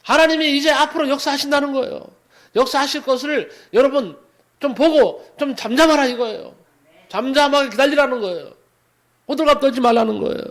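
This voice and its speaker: Male pastor, high-pitched, dramatic sermon delivery with sharp swings in volume. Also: fairly quick. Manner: dramatic preaching, swings from loud exhortation to hushed asides.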